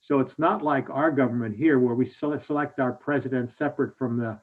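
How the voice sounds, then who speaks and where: A man from Hungary, a state representative, giving measured, formal testimony to a committee over a video call. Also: medium pitch, fairly even intonation. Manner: measured, formal, with small restarts. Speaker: state representative, bill sponsor. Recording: tinny phone-like audio.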